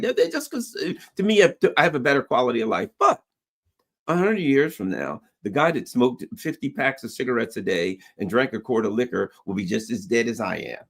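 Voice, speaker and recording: Animated, sarcastic male show host. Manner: animated, sarcastic, swinging pitch. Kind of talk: casual political talk.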